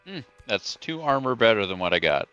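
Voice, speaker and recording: A man's voice: on the low side, big pitch swings, a little fast, clean tone, lo-fi sound. A man playing a game with friends, giving short callouts about his progress. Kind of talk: casual gaming chat. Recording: loud game music behind.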